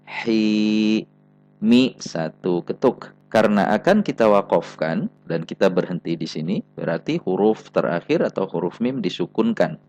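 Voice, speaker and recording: A man's voice: sits low, darkish tone. A man with an Indonesian accent teaching Quran recitation, patiently repeating example sounds with careful stress. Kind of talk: slow spelled-out recitation lesson.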